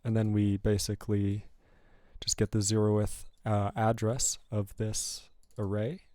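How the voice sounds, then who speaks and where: He's a livestream host doing a casual live coding chat, his low-leaning voice moving at a measured pace. The recording is dry and clean, studio-like, and he rambles in a relaxed way, correcting himself as he goes through code.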